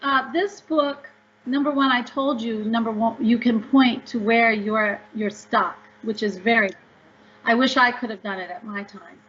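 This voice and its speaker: A woman's voice: fairly high pitch, fairly even intonation, measured pace, a bit bright. A woman author answering interview questions, upbeat and emphatic as she tells stories. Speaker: author guest. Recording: dull lo-fi audio.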